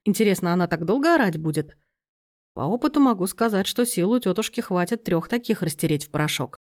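A woman's voice: lowish voice, expressive, fast, darkish tone, natural voice. A woman reading aloud and voicing a sly young woman who talks sweetly and feigns innocence.

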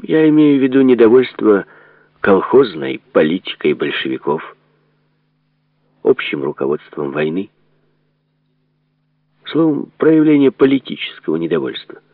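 A man's voice: on the low side, very animated, measured pace, long pauses, dry recording, pitched above the performer's own voice. A man voicing a stern old male prison camp inmate who asks hard, probing questions, in a phone-like narrow recording.

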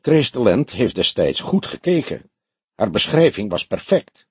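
A man's voice: lowish voice, sing-song, a little slow, breathy edge, no echo, heavily acted. A man voicing a grey-haired older police detective, courteous and friendly in how he speaks. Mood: matter-of-fact. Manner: friendly, polite.

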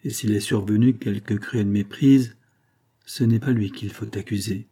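A man's voice: fairly low pitch, fairly even intonation, normal speed, mellow, husky. A man voicing a proud, wounded young woman in an audiobook reading, speaking firmly and with dignity. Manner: firm, dignified, pleading at times.

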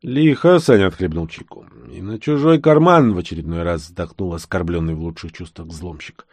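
A man narrating an action audiobook in an expressive reading style. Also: brisk, slightly rough, no echo. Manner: voices characters with lively rising pitch.

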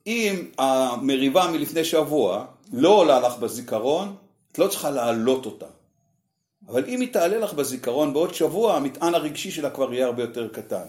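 A man teaching meditation to a group, explaining slowly and reflectively with many fillers and pauses. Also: fairly high pitch, lively intonation, darkish tone. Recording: echoey room.

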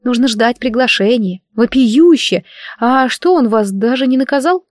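A woman's voice: fairly high pitch, animated, normal speed, no echo, clean studio sound, pitched above the performer's own voice, natural voice. A woman voicing a gossipy, prim, wide-eyed young maid with a chirpy, scandalized manner in an audiobook reading.

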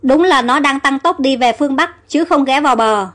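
Woman voicing a dutiful soldier, formal, reporting, high voice, faint music behind. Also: moderate pace, fairly bright tone.

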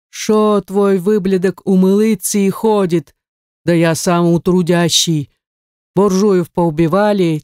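A man's voice: sits high, darkish tone, smooth, dry recording, clean studio sound. A woman growling as a brutal peasant man. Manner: growling, threatening.

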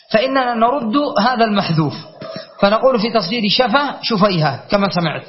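Guy with a pretty high voice teaching grammar, keeps asking if the class gets it, dull lo-fi recording. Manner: checks on students often with short questions, repeats key words.

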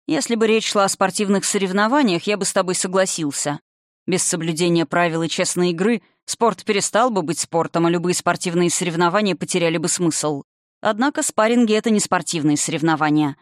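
Reader doing a smug spirit dad, calm lecturing tone, condescending, dry sound. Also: male voice, high-pitched, fairly quick, dry recording, close to an everyday voice. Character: spirit of an older father, mocking and haughty. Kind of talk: audiobook character reading.

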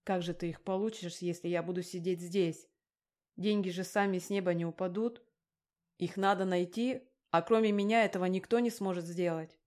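A woman's voice: fairly low pitch, fairly even intonation, moderate pace, darkish tone, close to an everyday voice. A woman reading a shifty, dismissive man. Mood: pleading excuses. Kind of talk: audiobook character reading.

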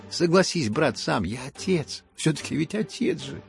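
A man's voice: fairly low pitch, big pitch swings, moderate pace, gravelly, faint music behind. A man reading an audiobook and voicing a confused, fatherly old general who stammers and exclaims. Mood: bewildered.

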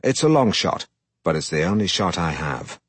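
Deadpan man narrating a comic audiobook. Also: low-pitched, moderate pace, husky, no echo. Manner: deadpan, self-important storytelling.

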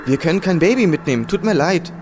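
A man's voice: on the high side, expressive, quick pace, over music, natural voice. A man voicing a young soldier who firmly turns away a plea for help. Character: young male soldier, curt and firm.

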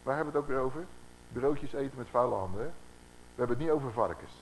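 Preaching to a gathered congregation, this man gives a lively, conversational Bible lesson packed with rhetorical questions. He talks quickly at a medium pitch, and the rough recording has a faint hiss or hum.

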